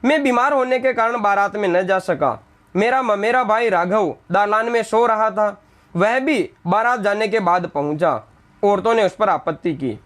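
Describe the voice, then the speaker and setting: A man's voice: high voice, measured pace, fairly bright tone. A male teacher explaining a Hindi textbook lesson, reading lines and then retelling them in simple words. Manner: briefly acts out the village women's scolding lines. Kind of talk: classroom lesson explaining a text.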